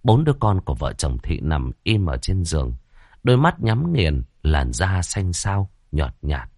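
Brief: deep male storyteller, dramatic lilt, dry close sound. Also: big pitch swings, unhurried, darkish tone, no room sound. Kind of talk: scripted ghost story narration.

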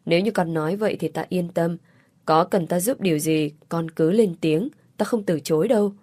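A woman's voice: fairly low pitch, normal speed, dry recording, studio quality, lightly acted. A woman voicing a kindly old man. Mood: reassuring. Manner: gentle, reassuring. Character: elderly kindly old man, the employer's father.

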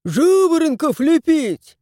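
A woman's voice: on the high side, sing-song, slow, dark tone, dry recording, clean studio sound. A woman voicing a grumpy, bearded old male house spirit who grumbles in old-fashioned words. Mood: grumbling. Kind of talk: audiobook character voice.

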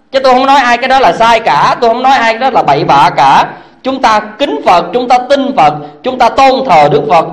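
A man, a Buddhist monk, giving a dharma talk and asking his audience rhetorical questions. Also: high voice. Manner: chuckles as he talks.

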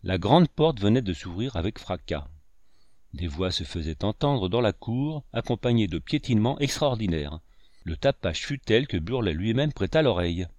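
A man reading a novel aloud in scripted narration, measured and steady. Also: fairly low pitch, dry recording, muffled recording. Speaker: audiobook reader.

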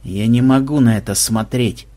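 A man voicing a gruff male warrior who talks in a blunt, growling way. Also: mid-range voice, moderate pace, dark tone, pitched below the performer's own voice, lightly acted. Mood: despairing.

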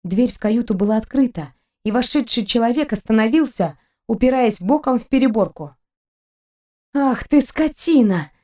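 A woman's voice: a little high, lively intonation, a little fast, hardly any pauses, mellow. Woman reading a novel aloud. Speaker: audiobook reader. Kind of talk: scripted narration.

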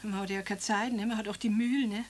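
In a radio drama, an actress plays Karl's elderly, grieving mother, who reads her son's letter and then rambles homely about him, using plain speech full of tag questions. Her mid-range voice, fairly even in intonation and a little fast, sounds close to an everyday voice.

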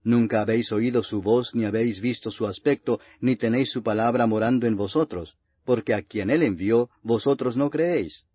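A man with a husky, medium-pitched voice reads the Bible aloud at normal speed with hardly any pauses. His scripted narration is solemn, grave and declamatory. The lo-fi recording is muffled and reverberant.

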